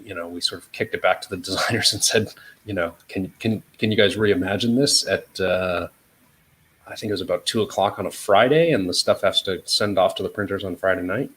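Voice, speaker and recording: Deep-voiced and fairly quick, with a slightly bright edge, this American man speaks over slight background noise. He's an interview guest talking casually about being an editor, often hedging with "sort of" and "you know."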